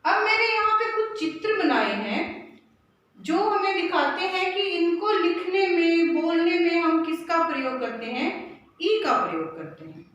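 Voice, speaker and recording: A woman's voice: extremely high pitch, fairly bright tone, muffled recording. A woman teacher giving a first-grade lesson, patient and repetitive, sounding out letters one by one. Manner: slow, patient, repeats points and spells out letters. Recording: echoey room, voice from far off.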